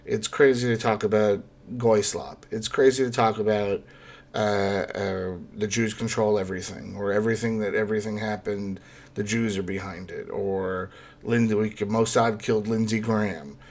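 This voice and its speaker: A man in a casual political discussion, speaking in a halting way and often correcting himself. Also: on the low side, fairly even intonation, a little mellow.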